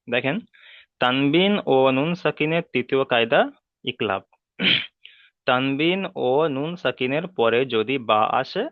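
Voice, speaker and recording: A patient man teaching tajweed online keeps repeating the Quran reading rules and checking in with his listeners through questions. He lengthens the Arabic sounds slowly in his demonstrations, and his voice, middle in pitch, is a dry, tinny, phone-line-like recording.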